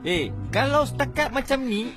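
High lively guy bossing staff around and bragging, music under it. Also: normal speed. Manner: boastful, scolding, jokey. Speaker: pizza shop boss. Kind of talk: comedy sketch acting.

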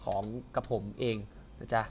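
A man's voice: moderate pace, darkish tone, slight background noise. A young man with a Thai accent giving casual gameplay commentary, chatty and swearing playfully as he talks to himself. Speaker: gameplay YouTuber.

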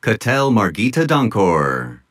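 A man announcing graduates' names at an outdoor commencement ceremony, in a measured, deliberate manner. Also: fairly low pitch, big pitch swings, fairly bright tone. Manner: measured, deliberate name-reading. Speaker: commencement name reader. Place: outdoor tent stage at a graduation.

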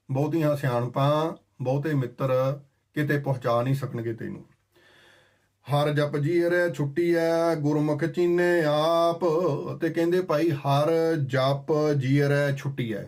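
A man giving a sermon that explains scripture. He chants verses slowly and then explains them in plain, conversational talk. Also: on the high side, darkish tone. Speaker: Sikh scripture preacher.

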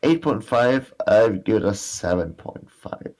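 Casting: male reaction co-host, thirties, low voice, unhurried and halting, casual chat. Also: animated, a little mellow. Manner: hesitant, halting, repeats himself. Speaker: co-host of a manga reaction show. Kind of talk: casual chat reviewing a manga chapter. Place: small room at home, indoors.

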